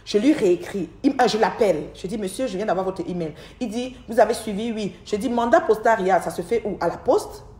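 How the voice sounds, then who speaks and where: A middle-aged woman tells a long, rambling story to her livestream viewers, often restarting and repeating words. Her voice has a middle pitch for a woman. The recording is echoey, as in a bare room at home. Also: brisk, few pauses, darkish tone. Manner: chatty, speaks straight to her viewers. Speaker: livestream host. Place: at home, by an aquarium. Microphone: livestream device mic.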